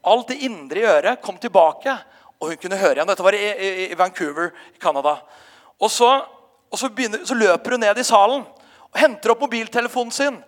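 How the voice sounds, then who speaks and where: High-voiced male preacher in a reverberant hall. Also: animated. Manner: storytelling with frequent hesitations. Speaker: pastor. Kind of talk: sermon.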